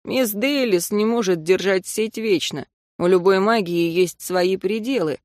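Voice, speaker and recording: Audiobook: woman as a steady young man, curt, a touch gruff, unhurried. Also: mid-range voice, no echo, clean studio sound, close to an everyday voice. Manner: gruff, curt and matter-of-fact. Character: young male student, blunt and steady. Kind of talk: audiobook character voice.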